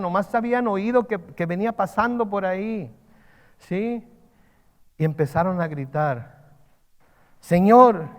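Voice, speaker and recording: A man's voice: high voice, in a large hall. A man preaching a sermon as pastor, swelling and dropping his force and repeating key phrases. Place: church sanctuary.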